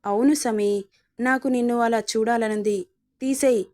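A woman's voice: on the high side, steady tone, normal speed, a little mellow, lightly acted. A woman reading a storybook, voicing a cruel and mocking young husband with a menacing, taunting manner. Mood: leering.

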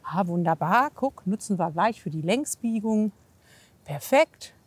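A woman who works as a horse physiotherapist and trainer gives a casual hands-on demonstration outdoors at a horse yard in wind and rain. She coaxes with short, repeated reassurances and explains as she goes, her mid-range voice husky, animated and a little slow.

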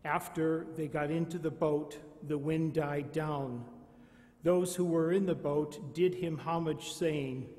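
Male priest, slow measured Gospel reading, mellow tone, cathedral echo. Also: fairly high pitch, fairly even intonation. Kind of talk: liturgical Gospel reading at Mass. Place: large church. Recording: long cathedral reverb.

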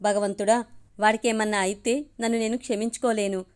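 A woman's voice: medium pitch, fairly even intonation, fairly quick, clean tone, lightly acted. A woman voicing a grieving father, tearful. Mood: anguished. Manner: trembling, tearful speech. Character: grieving young father, shaken and guilt-ridden.

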